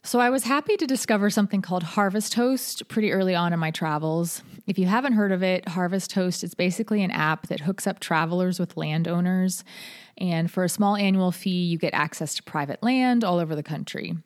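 A woman hosting a storytelling podcast, reading scripted first-person narration in a measured, articulate way. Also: lowish voice.

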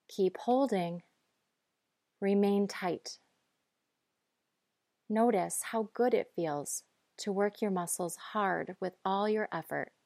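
A woman guiding breathing and muscle relaxation in a calm, measured, instructive way. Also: mid-range voice, vocal fry, no echo. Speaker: guide.

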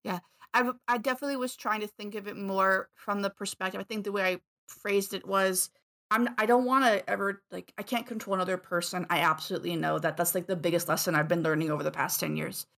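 A woman talks through her question in a casual, halting way and restarts her sentences often. Her mid-pitched voice has a strong gravelly creak. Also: fairly even intonation, a bit bright. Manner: hesitant, restarting and thinking aloud. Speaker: caller seeking advice. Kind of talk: casual conversation.

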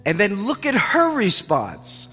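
A man's voice: slow, husky. A man preaching a sermon as pastor of a congregation, talking expressively and lifting his voice as he retells scenes. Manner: expressive, rises in pitch when retelling scenes. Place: congregation worship hall. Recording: reverberant hall with faint music.

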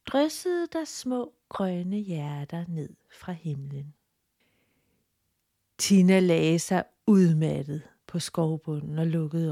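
A woman narrating a guided story in a soft, calm, partly whispered voice. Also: lowish voice, no echo, studio quality.

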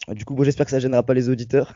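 A man's voice: mid-range voice, steady tone, rapid-fire, mellow, no echo. A man hosting an interview over a phone call, hesitant and often repeating his words. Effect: over a phone call line. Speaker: interviewer, host. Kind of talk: casual interview. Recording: dull lo-fi call line.

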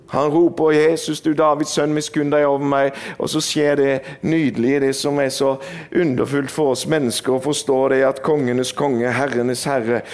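A middle-aged male pastor preaching a sermon, telling a story in a lively way, dropping to quiet asides and rising to loud proclaiming. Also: medium pitch.

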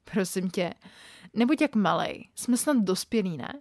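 A woman's voice: medium pitch, animated, a little mellow, dry recording, studio quality, natural voice. A woman voicing a bold, playful woman who talks in a brash, mocking way. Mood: teasing.

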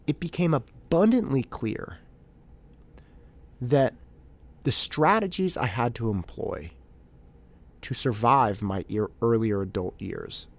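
Casting: man, thirties, podcast host, storytelling, animated, mid-pitched voice. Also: takes it slowly, long pauses. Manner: animated, acts out quoted voices. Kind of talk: reflective personal storytelling.

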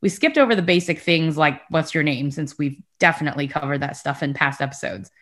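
A woman's voice: deep voice, fairly quick, a bit bright. A young adult woman co-hosting a podcast, chatting casually with a friend and laughing often. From United States. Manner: giggly, chatty, frequent laughter. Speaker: podcast co-host. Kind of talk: casual chat.

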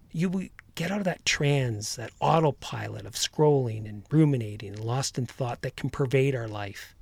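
A man's voice: mid-range voice, vocal fry, a little mellow, dry recording. A man hosting a motivational podcast as a coach, addressing listeners directly in an earnest, emphatic way.

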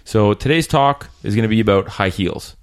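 Male podcast host, lowish voice, conversational and halting, recorded in a small room. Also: expressive, clear, resonant tone. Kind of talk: casual interview chat. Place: small room in a rented apartment.

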